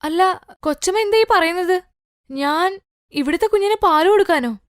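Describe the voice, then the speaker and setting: Meek young housemaid played by a woman, humble and apologetic, high voice, dry sound. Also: normal speed, dry recording. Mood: shocked.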